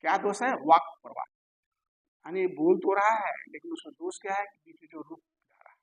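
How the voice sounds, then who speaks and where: A man teaching a lecture, posing questions to his listeners and answering them himself, repeating key terms slowly. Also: high-pitched, a bit bright, muffled recording. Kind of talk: classroom lecture.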